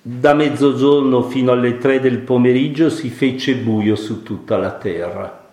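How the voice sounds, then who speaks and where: A man gives a slow, unhurried sermon in a voice of middle pitch. He works through a Bible passage reflectively, repeats key phrases and asks his listeners rhetorical questions. The sound is echoey, as in a large room. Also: darkish tone.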